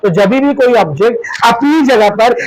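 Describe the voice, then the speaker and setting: A man's voice: very high-pitched, animated, normal speed, a little mellow, dry recording, rough recording. A male physics teacher with an Indian accent, lecturing a class and asking questions he answers himself, demonstrating with objects as he explains. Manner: asks the class questions and answers them himself, calls students "beta".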